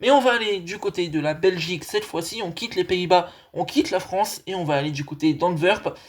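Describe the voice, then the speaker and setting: A man's voice: sits high, a little fast. A man hosting his own football channel, giving a chatty, enthusiastic analysis monologue and addressing viewers as friends.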